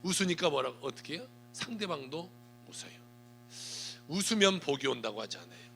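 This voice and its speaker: A male pastor preaching with a high, very bright voice that swoops up and down. His tone has a gravelly edge, and he slows down for scripture. Soft music and a low hum sit behind him. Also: big pitch swings. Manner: emphatic preaching with rising and falling delivery, slowing down for scripture. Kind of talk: sermon.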